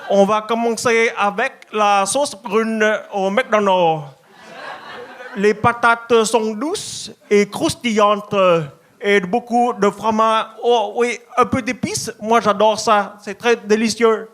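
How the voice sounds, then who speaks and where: A man voicing a cheerful male food reviewer with a put-on foreign accent, in a slow, exaggerated stand-up bit. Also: sits high, steady tone, a bit bright, voice pushed up. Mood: chirpy.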